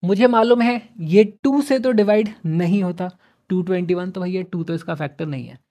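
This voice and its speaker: A male math teacher giving a chatty exam-prep lesson, repeating phrases, asking and answering his own questions, with sudden louder bursts for emphasis. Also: sits high, moderate pace. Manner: repeats phrases several times in a row.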